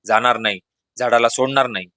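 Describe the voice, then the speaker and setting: A man's voice: mid-range voice, a little fast, no echo, studio quality, natural voice. A man reading a storybook voices a stubborn male ghost possessing a village boy, refusing curtly again and again. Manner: curt, repeating flat refusals, later wailing in pain.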